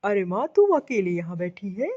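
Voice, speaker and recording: A woman's voice: medium pitch, expressive, normal speed, darkish tone, natural voice. Woman playing an angry scolding cartoon husband. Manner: harsh, accusing, scolding. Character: short-tempered scolding young husband. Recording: dull lo-fi audio.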